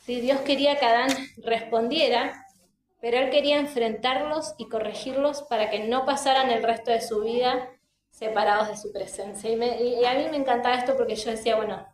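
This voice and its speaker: A woman's voice: on the high side, slight background noise. A young woman with an Argentine Spanish accent preaching a sermon, earnest and often checking in with the listeners. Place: church hall. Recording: echoey church hall.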